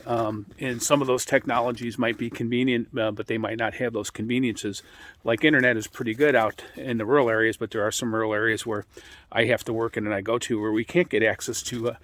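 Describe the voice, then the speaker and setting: A middle-aged American man giving an informal, rambling explanation as a radio hobbyist, speaking in a halting way. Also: mid-range voice, steady tone, fairly bright tone. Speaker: amateur radio hobbyist hosting an introductory video.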